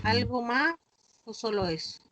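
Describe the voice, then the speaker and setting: A woman's voice: on the high side, expressive, a little slow, over loud music. A woman with a Chilean accent teaching an online class to children, explaining patiently and often checking in with the class. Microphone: video call. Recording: noisy video call.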